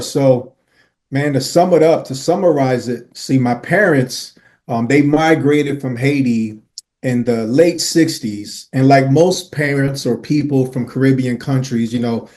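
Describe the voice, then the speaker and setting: A man in his forties, originally from Miami, talking through his life story as a podcast guest. His manner is earnest and casual, peppered with slang and tag questions, and his voice is at a medium pitch. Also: unhurried, darkish tone. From Miami, Florida. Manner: earnest, slangy, lots of "uh" and "right?". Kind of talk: storytelling in an interview.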